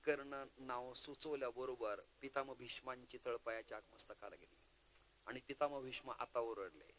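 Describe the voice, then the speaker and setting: A man preaching a devotional kirtan sermon, lively and humorous, quizzing his audience. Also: medium pitch, normal speed, a little hiss or hum.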